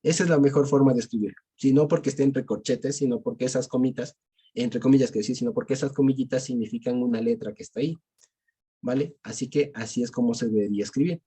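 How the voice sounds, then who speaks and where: Over a video call, a man with an Ecuadorian Spanish accent teaches a small-group Bible class, explaining step by step and checking in with listeners after each point. His mid-range voice is fast, mellow and slightly rough.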